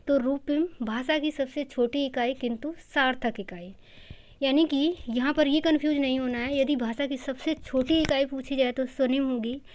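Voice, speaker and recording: A woman teacher giving an exam-prep lecture, explaining step by step, repeating key terms and mixing in English words. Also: sits high.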